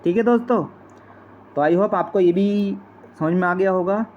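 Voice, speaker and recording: Speaking at a measured pace in a high-pitched voice, a maths teacher works through slides patiently, going over steps again and repeatedly addressing his audience as friends. The audio is lo-fi and dull, with faint noise.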